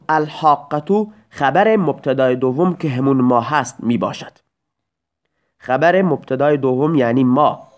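A male teacher walks through grammar patiently, one step at a time, asking rhetorical questions and then answering them himself. His voice sits fairly high and moves up and down a lot. It sounds like a recorded audio lesson.

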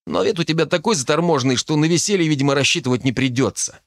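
A man voicing a brash, crude teenage boy at a magic academy, loud and impatient, teasing his friend. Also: on the high side, fast talker, no echo, clean studio sound, voice pushed up, close to an everyday voice. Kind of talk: audiobook character voice.

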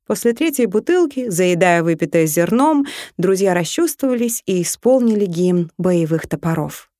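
A woman narrating a humorous fantasy story in a lively, playful way. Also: lowish voice, normal speed, no echo, studio quality.

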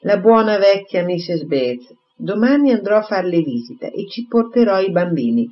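A reader voicing a gentle, earnest young mother in an audiobook, reassuring her father. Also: mid-range voice, very animated, moderate pace, pitched above the performer's own voice. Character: gentle devoted young mother, anxious daughter. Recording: slightly muffled recording.

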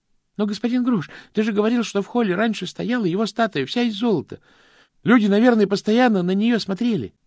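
A man voicing an excitable, anxious young postal worker who asks eager, nervous questions. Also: sits high, brisk, no room sound, clean studio sound, voice pushed up.

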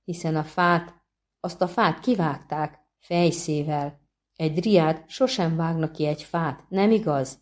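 A woman's voice: sits low, darkish tone, lightly acted. Woman voicing a trembling, earnest little girl.

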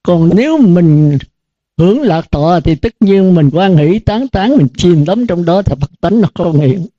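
A man's voice: sits high, animated, a little slow, dark tone, no echo. An older man, a Buddhist monk, giving a dharma talk to students in an earnest, repetitive cadence full of rhetorical questions. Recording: dull lo-fi dry recording.

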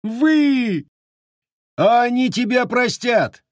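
A man's voice: fairly high pitch, very animated, measured pace, a little mellow, dry recording, clean studio sound, pitched above the performer's own voice. A man voicing a stern, weary young monster hunter who scolds and explains firmly.

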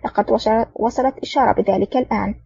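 A woman voicing an alarmed young male soldier shouting an urgent warning. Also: fairly high pitch, steady tone, fast talker, creaky, slightly rough, dry recording, full character voice. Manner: urgent, breathless. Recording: dull lo-fi audio.

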